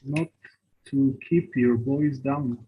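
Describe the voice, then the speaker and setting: A man's voice: mid-range voice, fairly even intonation, slow pace, narrow, tinny audio, a little hiss or hum. Hesitant male student. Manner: hesitant, many fillers.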